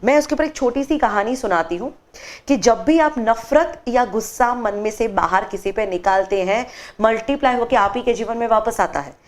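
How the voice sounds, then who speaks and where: A woman's voice: on the high side, normal speed, few pauses. A woman trainer speaking in a studio TV interview, explaining her workshops and telling a story expressively, voicing the characters in it. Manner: expressive, acts out quoted voices while telling a story. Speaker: meditation workshop trainer, guest.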